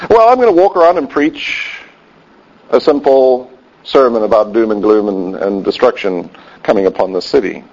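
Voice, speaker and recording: A man playing a blunt, grim male prophet who answers in flat, matter-of-fact replies. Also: lowish voice, normal speed. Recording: dull lo-fi sound.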